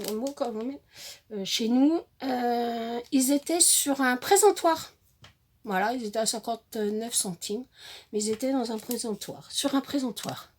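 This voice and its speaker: A woman chatting casually while showing off a craft-supply haul, hesitant with many fillers and self-corrections. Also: fairly high pitch. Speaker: crafting vlogger.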